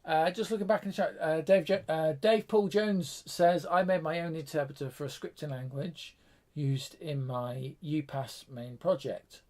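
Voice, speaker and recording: A man's voice: a little high, moderate pace, darkish tone. Chatty British man hosting a tech stream. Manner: chatty, rambling, self-interrupting with fillers. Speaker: tech channel live-stream host. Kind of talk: casual live-stream chat.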